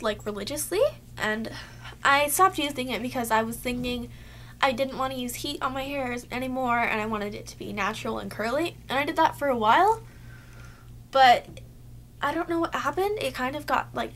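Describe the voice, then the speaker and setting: In her cluttered bedroom, a young beauty vlogger gives a casual haul chat to the camera, sounding a little sick and hoarse, with "like" peppering every sentence. Her high voice moves at a moderate pace and comes across a bit bright over a faint hiss or hum.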